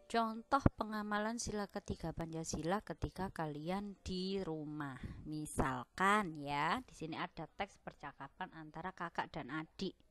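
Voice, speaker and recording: A woman's voice: sits low, unhurried, a bit bright, slight background noise. A young woman, a primary school teacher, patiently explaining a lesson to children in an online class.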